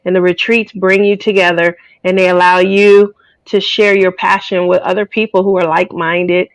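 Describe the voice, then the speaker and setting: A woman's voice: lowish voice, level tone, normal speed, no room sound, poor audio. A woman chatting casually as a guest, rambling with lots of fillers. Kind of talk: casual chat.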